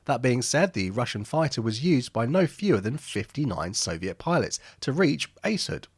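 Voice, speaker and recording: A man's voice: mid-range voice, sing-song, moderate pace, breathy edge, dry recording, studio quality. A man narrating an aviation history video as a scripted voice-over, with wry, jokey asides between the statistics.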